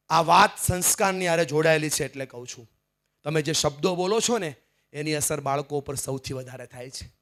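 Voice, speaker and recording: Guy motivational speaker at a seminar, fairly high voice, goes loud then quiet for effect. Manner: emphatic, swings from loud to hushed. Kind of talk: live motivational seminar speech. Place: large seminar hall with audience.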